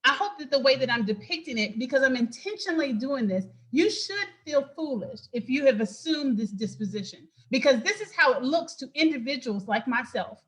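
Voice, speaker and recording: A woman hosts an impassioned political talk in a high voice. She speaks emphatically and preaches, and she often breaks off into quick asides. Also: animated, a bit bright. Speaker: host and political commentator.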